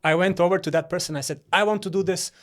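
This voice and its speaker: A man's voice: high voice, fairly even intonation, fast. A Croatian-born man talking casually as an interview guest, with many fillers and restarts.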